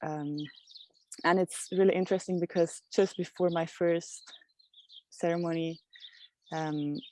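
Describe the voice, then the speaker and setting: Flat-voiced Swiss woman outdoors. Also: on the low side, a little hiss or hum. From Switzerland. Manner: soft, reflective, halting with restarts. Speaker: guest. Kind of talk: casual interview chat. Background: birdsong.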